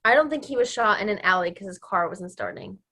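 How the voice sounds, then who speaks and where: A woman's voice: medium pitch, wildly swooping pitch, fast talker, bright, forceful tone. A middle-aged woman talking casually about a film. Her comments are blunt and dry. She speaks plainly and directly. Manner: blunt, wry, dry remarks. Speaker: podcast guest, host's mother. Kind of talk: casual movie chat.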